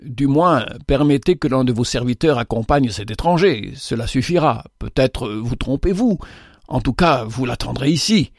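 A man's voice: mid-range voice, animated, normal speed, dry recording. A man reading as an old servant, deferential and cautious, pleading with his master. The voice stays close to the reader's plain middle register, dry and near. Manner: hesitant, respectful pleading.

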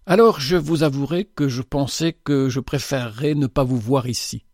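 A man's voice: normal speed, a little mellow, no echo, clean studio sound, natural voice. A man reading a novel aloud, lifting his voice to play a poised, composed young woman who turns down a suitor. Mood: light, firm. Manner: raised pitch, light and composed. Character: young woman, poised, lightly teasing, then firm. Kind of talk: audiobook dialogue reading.

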